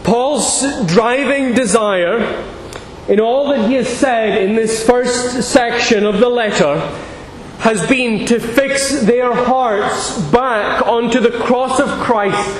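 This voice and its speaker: A man preaching as pastor, reading scripture in a measured, deliberate way into a pulpit microphone. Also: very high-pitched. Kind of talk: sermon with scripture reading and prayer. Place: large church sanctuary. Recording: echoey church hall with long reverb, faint hiss.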